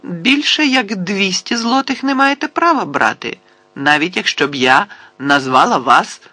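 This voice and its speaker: Brief: a man playing a cheeky young woman in court, sweet tiny innocent voice, pitched way up. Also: expressive, unhurried, pushed and bright, no room sound, heavily acted. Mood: innocent, mocking. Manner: innocent thin little voice. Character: sly young woman witness, innocent sugary voice.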